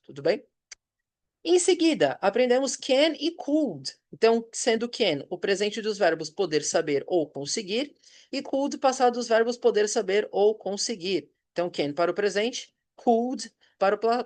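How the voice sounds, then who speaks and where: A Brazilian man who teaches English, giving a patient recorded review lesson. He reads example sentences slowly and checks in with short questions. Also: high voice. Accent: Brazilian Portuguese.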